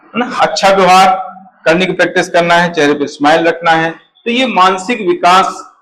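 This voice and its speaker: A man's voice: sits high, normal speed, a bit bright, a little hiss or hum, poor audio. A middle-aged man, lecturing as an interview coach and often asking for agreement. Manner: explanatory, repeats "है ना?" for agreement. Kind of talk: classroom lecture.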